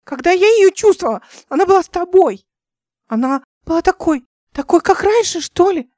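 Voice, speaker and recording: A woman reading an audiobook voices a hysterical young woman who shrieks and sobs in a high, strained voice. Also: animated, normal speed, dry recording, clean studio sound. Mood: distraught. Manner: shrill, tearful, shouting.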